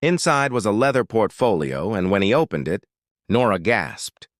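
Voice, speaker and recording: A man narrating a romantic story in smooth, measured scripted narration. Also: fairly low pitch, very animated, no echo, studio quality.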